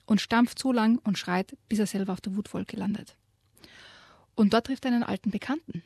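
A woman co-hosting a radio show, lively retelling and reading aloud a children's story, giving quoted lines their own voice. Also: medium pitch, fairly quick, gravelly, husky, no room sound. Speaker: radio co-host presenting children's books.

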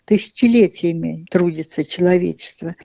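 A woman being interviewed, calmly explaining her teaching method in a measured, thoughtful way with small hesitations. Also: lowish voice, vocal fry, no room sound, dull audio. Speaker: interviewed educator, author of a children's speech method.

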